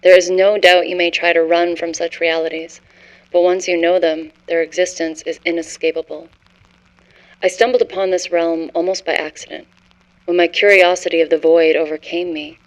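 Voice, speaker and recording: A haunted scholar confesses forbidden knowledge in a horror tale, read by a woman. The voice is fairly low for a woman and very even in pitch, with a grave, measured, literary delivery. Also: lightly acted, low-quality recording. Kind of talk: scripted first-person horror story narration.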